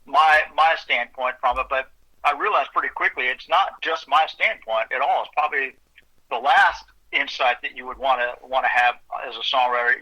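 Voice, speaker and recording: A man's voice: medium pitch, moderate pace, sharp tone, rough recording. A middle-aged man, a songwriter, chatting earnestly and humbly as a guest in an interview. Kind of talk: casual interview chat.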